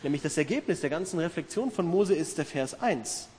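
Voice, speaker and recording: A man's voice: on the high side, animated, fairly quick, a little mellow. A middle-aged man preaching a sermon in an earnest, conversational way, asking his listeners questions. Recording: reverberant hall with faint hiss.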